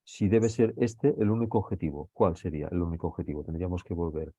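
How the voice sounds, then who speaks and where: A man's voice: low-pitched, fairly even intonation, fast, mellow, breathy edge, dry recording. A man teaching a class, walking students through a text and checking often whether they follow. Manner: checks understanding with frequent tag questions.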